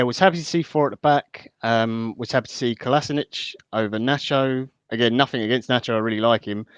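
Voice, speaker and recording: A man giving casual football match analysis as a guest, in a measured, somewhat hesitant way. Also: medium pitch, no room sound, highs cut off.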